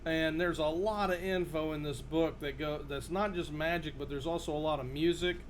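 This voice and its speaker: A man giving a casual, halting demonstration to camera as a performer showing a card trick. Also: on the high side, steady tone. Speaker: magician and performer presenting his card trick. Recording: noticeable background noise.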